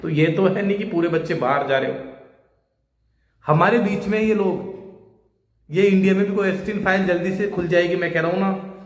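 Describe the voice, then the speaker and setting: A man's voice: high voice, moderate pace, pauses often. A man from India giving an urgent, pleading monologue to camera, full of rhetorical appeals. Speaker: social media creator. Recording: echoey room with long reverb.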